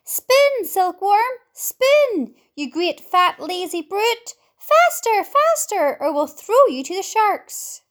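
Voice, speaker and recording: A woman voicing a bossy, impatient male centipede from a storybook, loud and frantic. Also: extremely high pitch, sing-song, takes it slowly, few pauses, voice pushed up, heavily acted. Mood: frantic, bullying.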